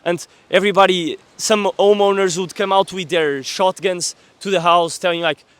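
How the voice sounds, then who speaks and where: Man in his 20s with a high-ish, dry voice; fierce, earnest motivational vlogger who swears casually. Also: steady tone, moderate pace, a bit bright, clean tone, dry recording. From Portugal. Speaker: young entrepreneur, vlogger. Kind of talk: motivational monologue to camera.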